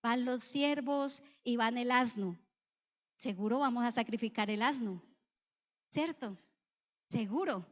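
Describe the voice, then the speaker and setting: A woman's voice: a little high, a little slow, long pauses. A woman pastor preaching a sermon, asking her congregation questions and acting out prayers aloud. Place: church sanctuary. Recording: long reverb from a church hall.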